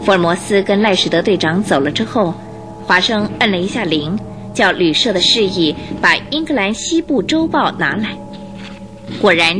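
A woman with a mid-range voice reads scripted radio drama narration in an expressive storytelling manner.

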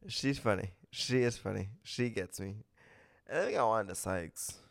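Lowish and fry-tinged, this man's voice moves at a moderate pace as he hosts a gossipy, laid-back podcast. He talks through a stuffy nose, gushing and offering strong opinions.

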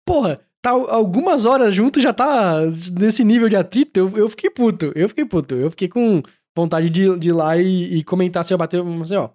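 A man telling stories in casual podcast chat, animated and swearing, acting out other people's lines. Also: sits high, brisk, hardly any pauses. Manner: animated storytelling, acts out voices, swears.

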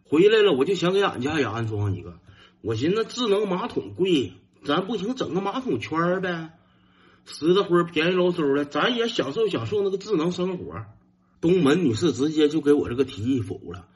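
A man with a Northeastern Mandarin accent telling a self-mocking stand-up story, acting out his younger self in high, whiny shouts. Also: sing-song, brisk. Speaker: stand-up comedian.

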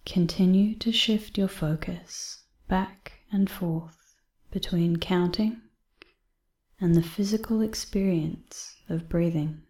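A woman reading a guided breathing exercise in a soft, calm voice that often drops to a half-whisper. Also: fairly low pitch, slow, reverberant. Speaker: meditation guide.

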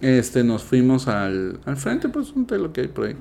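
A man's voice: medium pitch, moderate pace, creaky, a little hiss or hum. A man telling a story in casual chat, laughing and acting out the dialogue. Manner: animated, laughing, acts out dialogue.

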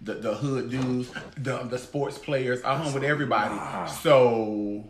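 A man's voice: mid-range voice, steady tone, measured pace. Male host, 30s, blunt and emphatic, echoey room with faint hiss. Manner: blunt, emphatic, swears freely. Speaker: podcast host. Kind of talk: casual roundtable chat.

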